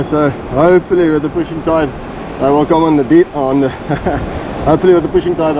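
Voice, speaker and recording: Heavy wind and waves surround a South African man talking to a handheld camera on an open beach. His voice sits a bit high and the sound is somewhat muffled. He chats casually, dropping Afrikaans slang in a laid-back way. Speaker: fishing vlogger. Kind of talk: casual vlog chat. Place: outdoors on an open windy beach. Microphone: handheld camera at arm's length. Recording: muffled action-camera audio, loud surf and wind. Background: loud waves, surf and wind.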